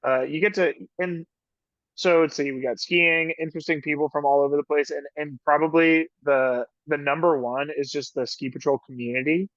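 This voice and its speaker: A man chats loosely in an interview, circling his point with lots of fillers and quick laughs. The sound is dry and a little dull, like a video call. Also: a little high, fairly even intonation, a bit bright, dry recording. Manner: rambling, filler-heavy, frequent "like", laughs often. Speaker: ski patroller and union officer. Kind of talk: casual interview chat.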